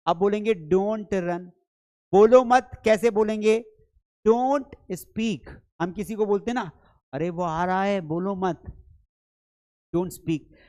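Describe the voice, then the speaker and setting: A man's voice: high-pitched, measured pace, darkish tone. A man teaching spoken English in a live online lesson, calling viewers "children" and repeating phrases for drills.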